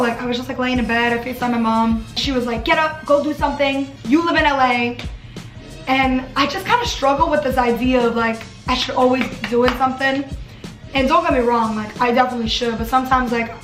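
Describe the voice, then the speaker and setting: Young woman vlogging from her dorm, kinda high flat voice, says "like" a lot, echoey room. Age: 20s. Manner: chatty, lots of "like" fillers. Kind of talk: casual chat.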